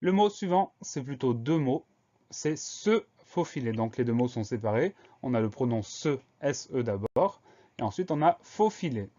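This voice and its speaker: A man's voice: mid-range voice, expressive, mellow, lo-fi sound. A man teaching a spelling lesson, carefully spelling out words letter by letter. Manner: slow, deliberate spelling out of letters.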